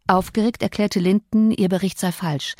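A woman reading a classic novel aloud as an audiobook, in a calm, lowered narrating voice. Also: normal speed, no echo. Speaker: audiobook reader. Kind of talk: scripted literary narration. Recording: dry close audiobook recording.

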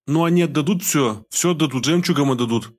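A woman's voice: low voice, fast, a little mellow, voice pushed up. A man putting on a terrified pleading wife. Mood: tearful explaining. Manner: gabbling, broken, pleading. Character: frightened young wife of a gang boss.

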